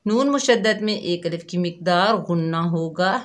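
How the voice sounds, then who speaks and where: A woman's voice: fairly low pitch, moderate pace. A woman teaching Quran recitation, patiently spelling out each syllable and repeating it. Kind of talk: slow step-by-step recitation lesson.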